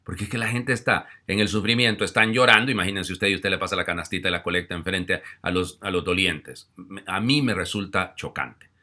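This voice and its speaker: Deep-voiced, bright-toned preaching priest. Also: male voice, fairly quick. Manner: conversational preaching with frequent asides and rhetorical questions; swings between loud emphatic exhortation and soft confiding tones. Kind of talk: homily.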